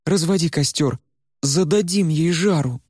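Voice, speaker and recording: A man voicing a frantic young woman trapped in a withered old body, pleading in a high, strained voice. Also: a little slow, a little mellow, husky, no echo, studio quality. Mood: scheming. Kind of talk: audiobook character voice.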